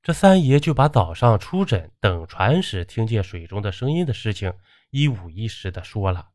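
A male storyteller narrates a folk tale expressively. His low voice rises and falls a great deal. The recording sounds dry and close. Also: very animated, normal speed, darkish tone, dry recording.

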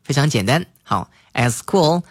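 A man's voice: mid-range voice, lively intonation. Man teaching English words. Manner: explains slowly, spells words letter by letter, repeats sentences. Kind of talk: spoken English lesson.

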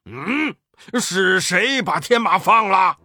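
A man's voice: high-pitched, animated, slow pace, dry recording, pitched above the performer's own voice, full character voice. A man playing a harsh heavenly official. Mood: angry. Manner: harsh, shouting. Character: stern heavenly horse official, gruff man.

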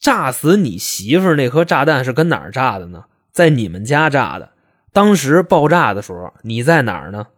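A man's voice: mid-range voice, big pitch swings, normal speed, dry recording, studio quality. A man playing a sarcastic, pushy detective. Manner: scolding, sarcastic, pressing questions. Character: blunt, impatient male police detective.

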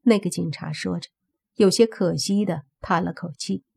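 Woman reading a novel out loud, gravelly and husky, kinda low. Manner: slow, even storytelling delivery. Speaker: audiobook narrator. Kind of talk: reading a serialized novel aloud.

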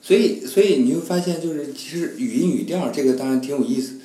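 讲故事很生动的男人，声音偏暗. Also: male voice, on the high side, fast, roomy sound, rough recording. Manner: animated storyteller, acts out scenes with voices and sounds. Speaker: guest. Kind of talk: casual conversation.

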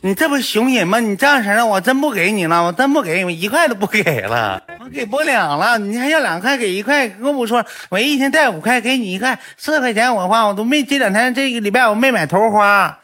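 A stingy schoolgirl, as a man puts her on protests in a high, strained voice with a Northeastern Mandarin accent. She rattles off complaints quickly and indignantly. The voice stays husky and pushed up high. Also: lively intonation, bright, forceful tone, exaggerated voice. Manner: indignant, rapid-fire complaining. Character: stingy schoolgirl classmate refusing to pay, shrill.

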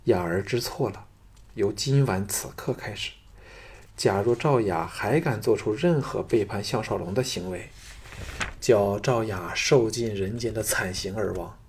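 A man's voice: fairly low pitch, unhurried, slight background noise. A man voicing a lovesick young noblewoman who begs and pleads breathlessly. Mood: pleading. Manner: breathless, imploring.

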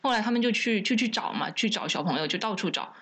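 A woman's voice: mid-range voice, lively intonation, fast talker, a bit bright, slightly rough. A woman, co-hosting a podcast, telling stories in casual chat with laughs. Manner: chatty storytelling with laughs. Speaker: podcast co-host.

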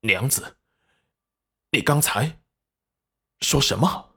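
A man's voice: mid-range voice, animated, slow, vocal fry, pushed and bright, husky, full character voice. A man doing a tender young nobleman.

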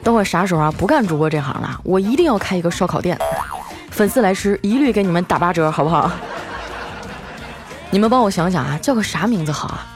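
A streaming host with a fairly low voice and lively intonation delivers a comic storytelling monologue, chatting about funny everyday happenings. She drags out the particles at the ends of her phrases, with background music playing.

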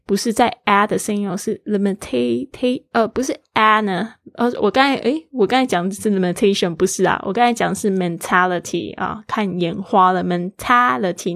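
Casting: a woman English teacher whose first language is Mandarin, patient, slow modelling of words, dry close sound. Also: mid-range voice, no room sound. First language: Mandarin Chinese. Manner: explains patiently, spells out words and models pronunciation slowly. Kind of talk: bilingual English lesson.

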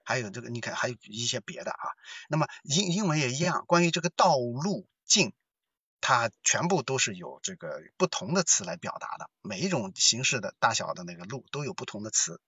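A man teaching an English lesson with a Mandarin Chinese accent, chatting in a lively way and joking about himself. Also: medium pitch, fairly quick, slightly rough, no room sound, muffled recording. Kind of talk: lecture-style English lesson.

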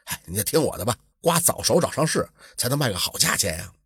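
A man voicing a shrewd, upright village man in a folk tale, speaking calmly and reasoning things through in a low, husky voice. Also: fast talker, no room sound, studio quality, full character voice. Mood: advising.

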